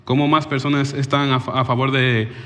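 A man preaching a sermon to a congregation in church, lively and dramatic, often acting out dialogue. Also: medium pitch, brisk. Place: church hall before a congregation. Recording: long reverb of a large hall.

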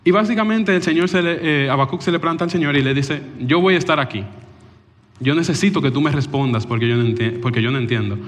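A man delivers a sermon to a church congregation, his voice sitting a little high for a man. He preaches with lively, dramatic energy and often acts out back-and-forth dialogue. A long reverb from the large hall trails behind every phrase. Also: fast talker.

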